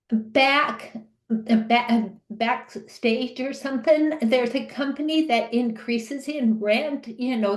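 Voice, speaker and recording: A woman speaking as a live interpreter, voicing a deaf advocate's question on a webinar in halting speech with restarts. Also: fairly high pitch, reverberant. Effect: live sign language interpreter voicing a deaf participant's question.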